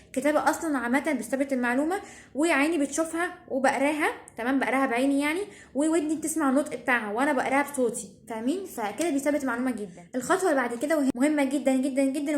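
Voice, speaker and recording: A woman's voice: sits high, echoey room. A teenage girl with an Egyptian Arabic accent, giving study tips in a chatty, emphatic way and often checking in with her listeners. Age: teens. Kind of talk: casual advice talk to camera.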